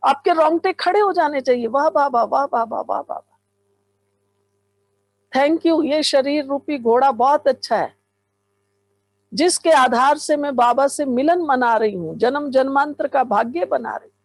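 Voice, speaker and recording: A woman's voice: high-pitched, normal speed, no echo. A woman who is a spiritual teacher, giving a fervent guided meditation talk and speaking straight to her listeners with exclamations.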